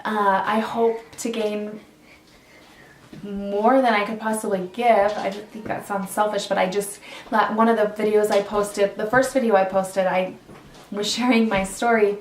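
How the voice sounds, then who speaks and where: A woman's voice: mid-range voice, level tone, measured pace, slight background noise. Earnest rambling woman in her thirties. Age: 30s. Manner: earnest, rambling, frequent ums and restarts. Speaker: vlogger. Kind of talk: casual chat to camera. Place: indoors in a borrowed home. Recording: roomy sound from a distant mic.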